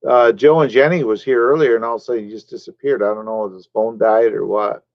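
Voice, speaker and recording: A man's voice: medium pitch, fairly even intonation, fast, no echo, dull audio. A man hosting a casual live stream, rambling and talking to his chat viewers by name.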